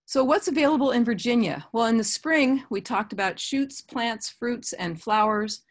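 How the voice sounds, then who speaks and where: A woman's voice: fairly high pitch, expressive, normal speed. A middle-aged woman presenting a gardening webinar over a video call, explaining in a friendly way with casual asides. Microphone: webcam on a video call.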